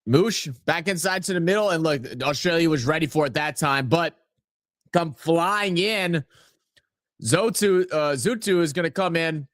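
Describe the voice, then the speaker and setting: A man hosts a live match watch-along, mixing loose play-by-play with shout-outs to his chat. His voice sits a little high, and he talks in a casual, rambling way. The recording is dry and close, with no room sound. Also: dry recording.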